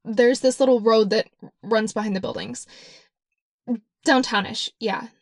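Brash young superheroine with a high, unhurried voice, hot-tempered and exasperated, as a male narrator puts her on. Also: fairly even intonation, no echo, studio quality. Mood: sheepish. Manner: impatient, exasperated. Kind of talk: audiobook character voice.

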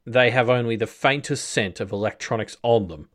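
A man voicing an arrogant male captor who talks with cool, unhurried disdain. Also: mid-range voice, close to an everyday voice. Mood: dismissive.

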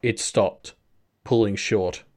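Slow, low-voiced male narrator. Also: fairly even intonation, darkish tone. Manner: slow, measured reading. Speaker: audiobook narrator. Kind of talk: scripted narration.

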